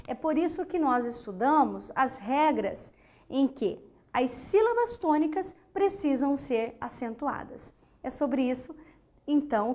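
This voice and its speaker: Slow, high-voiced woman teacher. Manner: patient, repeats key words slowly, asks and answers own questions. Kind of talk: grammar lesson.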